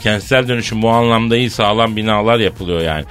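Bright-voiced joking male radio host. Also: on the low side, quick pace, smooth, soft background music. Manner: jokey storyteller, spins long anecdotes. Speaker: radio morning show host. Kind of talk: casual comic banter on radio.

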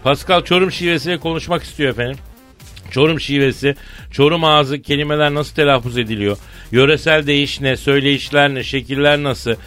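A man's voice: a little high, a little fast, fairly bright tone. A man with a Tokat-Elazığ accent hosting a comic morning radio show, teasing and theatrical in his banter. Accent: Tokat-Elazığ Turkish. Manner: theatrical, teasing, sing-song greetings. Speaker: radio comedy show host. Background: music bed.

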